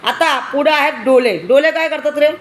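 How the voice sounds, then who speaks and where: A woman with a fairly high voice and a Marathi accent leads a class of small children. She keeps quizzing them and coaxing them to speak up. A faint hiss of noise sits under her voice. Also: moderate pace. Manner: questioning, coaxing children to answer louder. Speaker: preschool teacher. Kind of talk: classroom teaching to young children.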